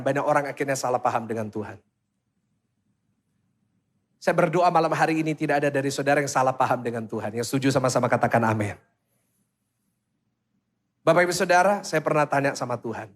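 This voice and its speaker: This pastor's fairly high, lilting voice carries an energetic sermon. He throws questions at the congregation and slips briefly into acted-out voices to make his point.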